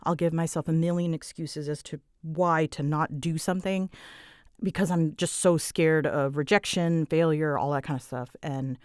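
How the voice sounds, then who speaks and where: Speaking close to the mic in a dry, roomless recording, a woman with a deep, smooth voice chats at a moderate pace. She's an online creator answering listener questions in a rambling, self-deprecating way, getting animated whenever she quotes herself.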